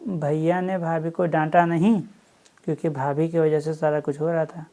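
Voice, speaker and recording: A woman's voice: low voice, level tone, normal speed, mellow. A woman reading a story aloud and explaining it as she goes, adding asides for her listeners.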